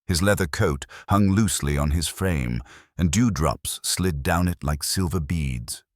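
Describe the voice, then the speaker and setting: Super low voiced guy narrating a dark fantasy audiobook, dry close sound. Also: measured pace, dry recording.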